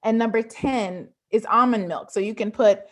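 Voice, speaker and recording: Speaking at normal speed in a fairly high voice, a pediatric dentist who was born in Jamaica and grew up in Georgia, USA gives a prepared, interactive online presentation as a guest speaker. She talks emphatically and directly to listeners through a computer on a video call, and the recording sounds rough.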